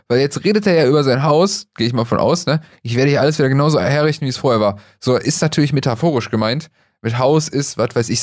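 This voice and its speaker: A man's voice: medium pitch, no echo. Laughing, joking young man with a dry sound. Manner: laughing often, joking, sarcastic. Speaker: podcast co-host. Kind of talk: casual chat.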